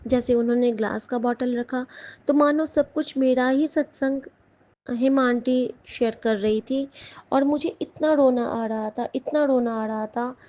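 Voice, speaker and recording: A woman's voice: high voice, fairly even intonation, unhurried, dark tone. A woman giving an earnest, emotional devotional testimony to her listeners in a casual satsang talk. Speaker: satsang speaker.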